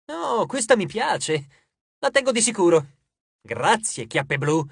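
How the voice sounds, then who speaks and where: A sly trickster dwarf who teases with a slow, smug drawl, voiced by a man narrating an audiobook. His lines ride a little above a plain speaking voice. The sound is close and dry. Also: sits high, very animated, vocal fry, breathy edge, no room sound, full character voice. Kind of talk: audiobook character voice.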